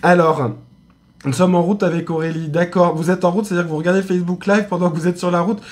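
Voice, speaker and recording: A man's voice: high voice, fairly even intonation, fast. A man with a French accent in a hotel room, teaching aromatherapy in a casual live stream, chatty, full of fillers and restarts. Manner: chatty, many fillers and restarts, laughs at himself.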